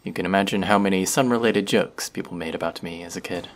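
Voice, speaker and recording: In a scripted audio roleplay, a man plays a chatty young barista who teases and rambles in a friendly, playful way. He speaks fast in a low-pitched voice.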